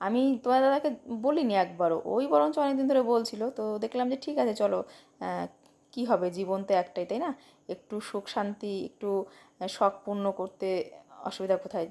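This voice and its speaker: A woman's voice: mid-range voice, darkish tone. A woman vlogging casually from her home, chatting directly to her viewers with frequent tag questions. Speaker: home vlogger and private tutor.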